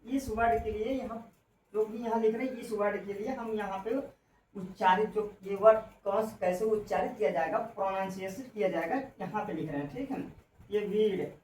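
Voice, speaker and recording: A woman English teacher giving a classroom lesson on contractions, spelling out letters slowly and repeating herself. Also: medium pitch, darkish tone, distant mic. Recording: echoey room, voice from off-mic, faint noise.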